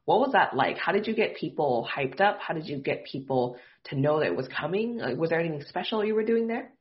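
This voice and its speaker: A man's voice: fairly high pitch, animated, a little fast. A man hosting a podcast, asking interview questions in an upbeat way, often saying "like" and "got it", on dull lo-fi remote audio. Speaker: podcast host.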